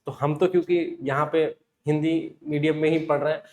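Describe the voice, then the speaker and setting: A Rajasthani man teaches a competitive-exam class in that carries a tinge. His voice sits slightly high, and he keeps posing questions and answering them himself. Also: level tone, fairly quick, darkish tone. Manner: explanatory, asks and answers himself, frequent "है ना". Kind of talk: classroom lecture.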